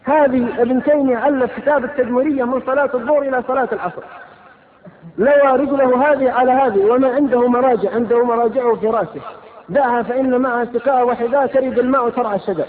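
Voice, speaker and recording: A man's voice: very high-pitched, steady tone, fast. A man preaching a sermon, impassioned, rhetorical and scolding. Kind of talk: fiery sermon. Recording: lo-fi phone-like sound with hall reverb.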